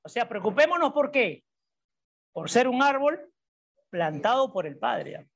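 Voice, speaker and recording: A woman's voice: a little high, very animated, unhurried, creaky. A woman preaching a sermon, repeating her key points and asking the congregation questions. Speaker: preacher and psychologist. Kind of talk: sermon with Bible reading. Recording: dull lo-fi recording.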